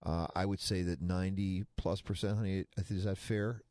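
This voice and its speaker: In a dry, clean studio recording, a man in his sixties speaks at normal speed in a low-pitched, slightly mellow voice with fairly even intonation. He co-hosts financial talk radio, chatting casually and rambling into folksy asides.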